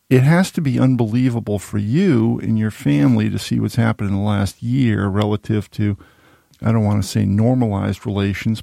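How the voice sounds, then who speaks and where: A man's voice: lowish voice, creaky, dark tone, dry recording, clean studio sound. A man in his sixties hosting a radio talk show, asking long, rambling questions full of restarts. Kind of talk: radio interview. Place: radio studio. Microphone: studio microphone.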